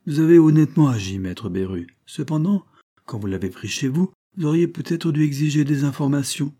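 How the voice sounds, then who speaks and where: A man's voice: fairly high pitch, fairly quick, dark tone, pitched above the performer's own voice, close to an everyday voice. A man reading an audiobook, voicing a formal, sententious country gendarme.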